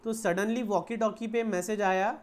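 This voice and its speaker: Indian guy teaching accounts, slow and patient, keeps asking then answering his own questions. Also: sits high, steady tone. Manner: explains slowly in mixed Hindi and English, asks and answers own questions. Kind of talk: classroom lecture.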